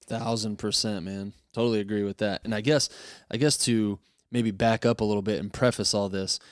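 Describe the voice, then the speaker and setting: Low-voiced man hosting a chatty podcast. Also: dry recording, clean studio sound. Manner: animated, breaks into quick character impressions and laughs. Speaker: podcast host. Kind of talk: casual podcast chat.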